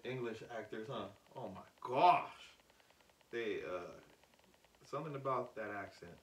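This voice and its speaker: A man's voice: medium pitch, lively intonation, unhurried. A man co-hosting a podcast in casual chat, rambling and joking with filler words. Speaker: podcast co-host. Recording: echoey room, mic at a distance.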